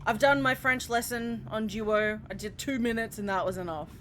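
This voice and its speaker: A young Australian woman commentating live as she plays a video game, animated, swearing and laughing often. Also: a little high, normal speed, slight background noise. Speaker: streamer.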